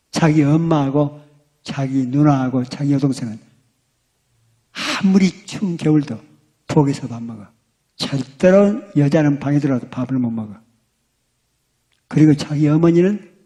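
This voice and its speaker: An older man preaching a sermon, telling a story dramatically and acting out the couple's lines, swinging between loud and hushed. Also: mid-range voice. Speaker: pastor.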